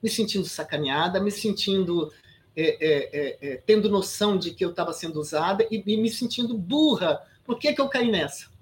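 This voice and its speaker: An animated Brazilian woman in her sixties recounts her past in a relaxed interview. She talks emphatically, stumbles and restarts often, and tosses in quick "sabe?" checks. Her voice sits at an ordinary middle pitch. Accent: Brazilian Portuguese. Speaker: guest actress. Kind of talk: casual interview storytelling.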